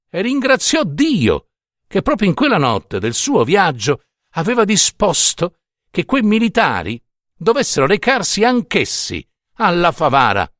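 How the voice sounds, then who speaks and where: A man narrating a classic short story as a literary audiobook, in an expressive, dramatic reading. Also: on the high side, no room sound, clean studio sound.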